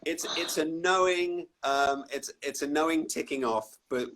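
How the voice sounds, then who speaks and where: A man with a Southeast English accent, a voice-over artist talking casually in an interview, animated and self-deprecating, with many restarts. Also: a little high, measured pace. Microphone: Instagram live call.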